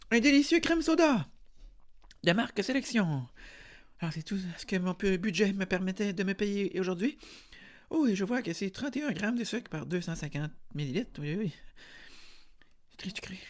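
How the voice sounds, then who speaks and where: Deadpan rambling Quebec French man. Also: high-pitched. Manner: deadpan, rambling, full of hesitations. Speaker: podcast host. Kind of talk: mock interview monologue.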